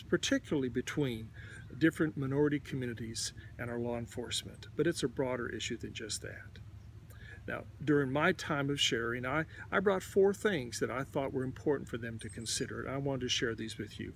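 A man's voice: mid-range voice, vocal fry, a little hiss or hum. A man in his sixties giving an earnest, exhorting pastoral address to churches outdoors in a garden, filmed close to the camera, with some restarts. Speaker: denominational leader. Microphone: camera close in front, head and shoulders.

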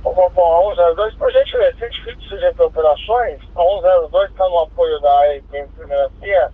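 A man's voice: sits high, fast talker. A man with a Brazilian accent, a patrol officer calling in to dispatch over police radio. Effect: two-way radio transmission. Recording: tinny narrow-band police radio.

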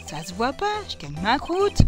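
A woman's voice: on the high side, huge pitch swings, moderate pace, over music. A woman voicing a goofy, brash young male street vendor, reading game dialogue aloud.

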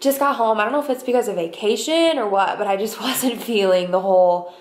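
A woman's voice: mid-range voice, brisk, roomy sound. A woman vlogging casually from her home kitchen, chatty and upbeat, rambling through asides to a camera set down nearby. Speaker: lifestyle vlogger.

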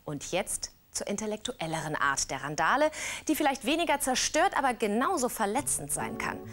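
A woman's voice: medium pitch, sing-song, moderate pace, a bit bright. A middle-aged woman presenting scripted links in a television studio.

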